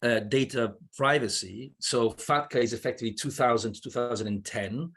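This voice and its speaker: Here a non-native English speaker with a Swiss accent, a man in his fifties from Switzerland, appears as a guest lawyer on a video-call panel. His voice is medium in pitch and a bit bright, at a moderate pace, yet he stumbles with many fillers and restarts. Audio comes through a laptop webcam in an indoor room with a wooden ceiling.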